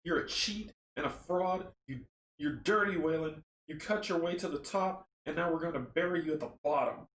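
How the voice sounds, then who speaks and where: A man's voice: a little high, moderate pace, fairly bright tone, a little hiss or hum, voice pushed up, close to an everyday voice. A man voicing a chorus of monstrous hands that taunt and accuse someone. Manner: mocking, accusing. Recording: roomy echo.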